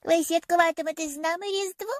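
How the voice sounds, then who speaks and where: Brief: woman reading an earnest little girl, bright and childlike, dry close recording. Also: fairly even intonation, fast, no echo. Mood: curious. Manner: high, childlike and eager.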